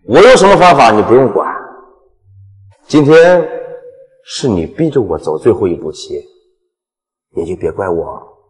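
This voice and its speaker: Scheming movie villain, smug, gloating menace, slow drawn-out delivery, lively intonation, short drama. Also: male voice, low-pitched. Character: smug scheming male corporate villain plotting a takeover. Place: large indoor concrete space, garage-like. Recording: long hall-like reverb.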